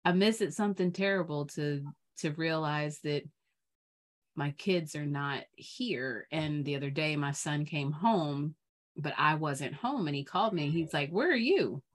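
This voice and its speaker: Low-voiced reflective woman, middle-aged. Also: a little slow. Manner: reflective, laughs often, loses her thread. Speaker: podcast co-host. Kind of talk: casual chat.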